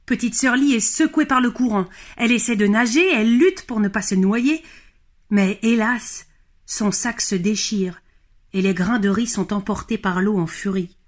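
A woman narrating a children's storybook in a lively, expressive, rhythmic way. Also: medium pitch, normal speed.

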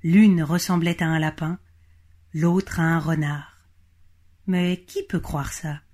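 Woman telling a gentle storybook tale. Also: sits low, steady tone, slow pace. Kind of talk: storybook narration.

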